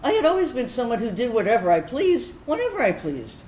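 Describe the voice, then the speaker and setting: Pitched on the high side, an actress brings a frank woman veteran to life in a dramatic first-person monologue for a staged reading. She is wry and animated, confessional and chatty in her storytelling, leaving deliberate pauses. The sound is that of an echoing stage with background noise.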